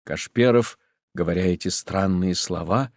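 A man narrating a story as an audiobook in an expressive, dramatic reading style. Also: low voice, unhurried, no echo, studio quality. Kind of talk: scripted narration.

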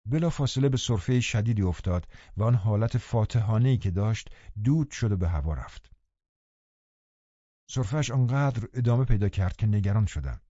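A man narrating a classic novel in a calm, even storytelling manner. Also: on the low side, no room sound, lo-fi sound. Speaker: audiobook narrator.

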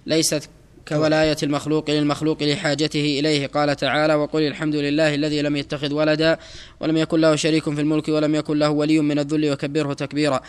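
A man reads a classical text aloud to his teacher at a fast clip. His delivery stays flat and even, with small slips he corrects as he goes. The voice is clear and smooth. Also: on the high side. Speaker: student reading the text aloud.

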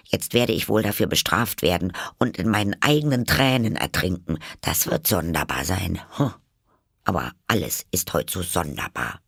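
A man's voice: low voice, lively intonation, moderate pace, creaky, a bit bright, breathy edge, dry recording, clean studio sound, exaggerated voice. A man reading aloud and voicing a polite, curious young girl who rambles eagerly and keeps apologizing. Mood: musing.

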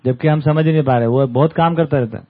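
A man's voice: a little high, quick pace. Man lecturing over a tinny line. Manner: conversational, often adds "है ना?" tag questions. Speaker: camp speaker. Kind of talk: talk to a study group. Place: camp hall with an audience. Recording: tinny phone-like sound.

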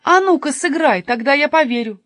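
A woman voicing an excitable, easily amazed male barber in a children's storybook reading, with an eager manner. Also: high-pitched, normal speed, no echo, clean studio sound, pitched above the performer's own voice.

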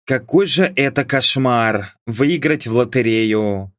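A male audiobook narrator with a measured, wry way of telling a story. He reads slowly and deliberately. The recording is close and dry, with no room sound. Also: medium pitch, fairly bright tone, no room sound. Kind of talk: audiobook reading.

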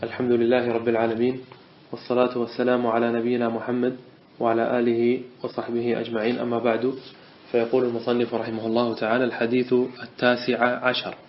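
A sheikh giving a religious lesson, reading a text aloud and then explaining it with an even, hesitant delivery. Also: male voice, medium pitch, quick pace. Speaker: sheikh teaching a hadith collection. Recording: dull lo-fi recording with faint hiss.

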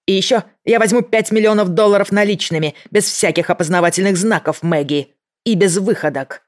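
A reader voicing a desperate, unhinged man who has a bomb and shouts threats down the phone. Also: medium pitch, a little fast, voice pushed up, close to an everyday voice. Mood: threatening. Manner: shouting, hissing, voice breaking. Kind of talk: audiobook character voice.

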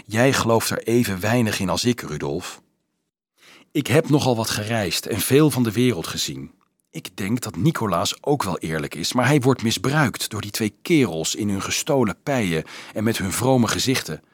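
A worldly young student, calm and wry, talking softly with a lively, lecturing lilt, as a man reads him aloud. His voice is husky and fairly low, caught close on a dry mic. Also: moderate pace, no room sound. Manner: soft-spoken, wry, mildly lecturing.

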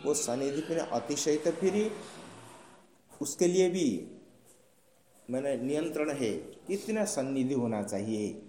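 A man's voice: medium pitch, expressive, warm tone, slight background noise. A man teaching a class, explaining patiently and often checking whether his listeners follow. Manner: slow, patient explaining with frequent checking questions. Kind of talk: classroom lecture on Sanskrit grammar. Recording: roomy echoing room sound.

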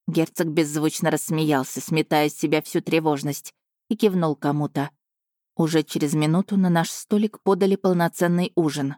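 A woman narrating a first-person romance novel in a calm, even storytelling manner. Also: deep voice, normal speed, no echo, studio quality.

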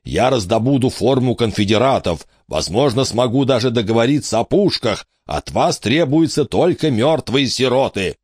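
A male narrator voicing a pompous, bombastic middle-aged man who blusters loudly and theatrically. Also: medium pitch, animated, normal speed, hardly any pauses, breathy edge, no echo, studio quality, pitched above the performer's own voice. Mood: gleeful.

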